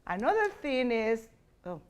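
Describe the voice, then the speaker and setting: A woman teacher giving a conference presentation in a slightly high voice. She walks through her classroom activities one step at a time. She moves back and forth between English and Spanish as she explains. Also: big pitch swings, measured pace, clear, resonant tone.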